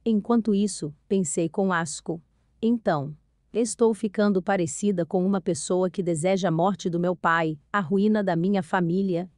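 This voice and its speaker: Woman audiobook narrator, calm and measured, dry close-mic sound. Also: on the low side, no room sound. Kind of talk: first-person audiobook narration.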